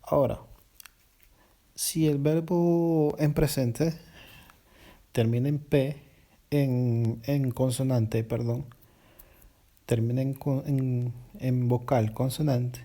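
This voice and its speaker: A man gives a slow, deliberate English lesson, speaking in a low, gravelly register. His voice is dark and husky. He repeats words and corrects himself as he explains each rule. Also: fairly even intonation. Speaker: English teacher. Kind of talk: recorded classroom lesson.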